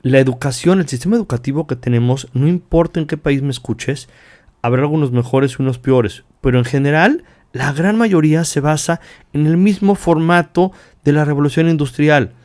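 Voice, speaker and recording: A man's voice: a little high, normal speed, a little mellow. A man from Mexico hosting a self-help podcast, talking earnestly to the listener in long chains of repeated phrases. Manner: addresses the listener directly. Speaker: podcast host.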